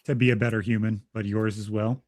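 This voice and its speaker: A man's voice: fairly low pitch, flat delivery, fairly quick, darkish tone. A man in his thirties co-hosting a casual podcast, talking bluntly and swearing freely as he rambles through his thoughts. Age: 30s. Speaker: podcast co-host.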